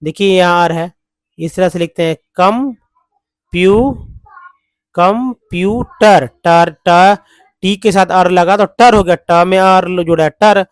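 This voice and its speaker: A male teacher walks through English words at an unhurried, deliberate pace, sounding out each letter and repeating the result. His voice is close and dry, with no room sound around it. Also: sits high, fairly even intonation, smooth, no echo. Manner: slow, repetitive, spells words out letter by letter. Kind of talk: blackboard-style spoken lesson.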